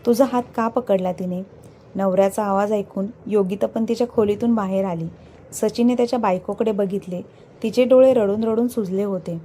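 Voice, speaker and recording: A woman narrating a dramatic family story in a steady storytelling manner. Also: mid-range voice, slight background noise.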